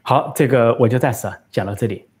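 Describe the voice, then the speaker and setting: A man's voice: mid-range voice, quick pace, darkish tone, husky. A man giving political commentary and answering live questions, talking conversationally with many fillers.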